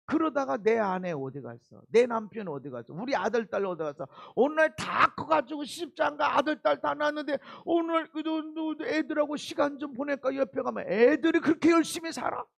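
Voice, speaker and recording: A middle-aged male pastor giving an animated sermon, acting out the people in his Bible story. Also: very high-pitched, creaky. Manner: animated, acts out biblical quotes in lively voices.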